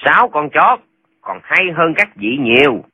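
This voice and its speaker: A woman's voice: fairly low pitch, very animated, vocal fry, sharp tone, breathy edge, dry recording, pitched below the performer's own voice, full character voice. Woman playing a gasping, wounded young swordsman. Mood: feeble. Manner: halting, broken speech. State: out of breath, barely able to speak. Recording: tinny phone-like sound.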